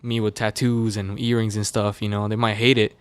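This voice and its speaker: Guesting on a podcast, a young musician from Las Vegas, USA, chats briskly in a casual interview, wandering through stories with plenty of fillers in a relaxed, loose way. His voice is low and smooth, with a fairly flat, even delivery. The close dynamic studio mic keeps it dry, with no room sound.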